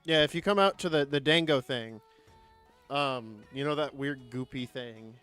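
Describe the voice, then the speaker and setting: A man's voice: mid-range voice, moderate pace, a bit bright, clean tone, faint music behind. A young man streaming a game, teasing his friends in casual profane chat and talking to his chat.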